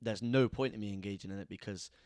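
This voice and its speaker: A man's voice: fairly low pitch, fast talker, darkish tone, clean tone, no room sound. A young man, co-hosting a casual podcast and rambling with lots of restarts and easy laughter. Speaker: podcast co-host. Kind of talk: casual chat.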